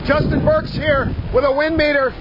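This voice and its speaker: A man's voice: very high-pitched, level tone, normal speed. A man reporting live from outdoors in a strong coastal storm, urgent as he speaks over the gusts. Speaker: TV field reporter. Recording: roaring wind over dull field mic.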